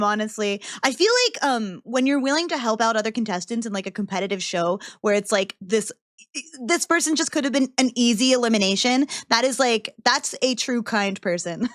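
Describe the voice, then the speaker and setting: A woman's voice: fairly high pitch, fairly bright tone, no room sound, studio quality. A woman with the cute manner of an anime streamer, chatty and giggly as she gives casual reaction commentary.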